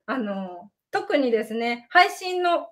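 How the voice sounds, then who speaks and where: High-voiced young Japanese woman chatting on stream. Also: very animated, a little slow, a bit bright. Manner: chatty, laughs often, many fillers. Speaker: livestream host, idol. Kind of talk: casual livestream chat reading comments. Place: home in Sendai.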